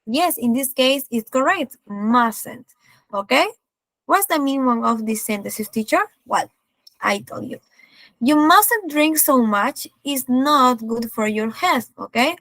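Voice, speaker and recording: A woman with a gravelly, slightly high voice teaches English over a video call, with a dry sound and no room around her. She goes over each example in English, then repeats it in Spanish. She asks a check-in question after nearly every phrase. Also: slow, fairly bright tone, dry recording. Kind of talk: online class explanation.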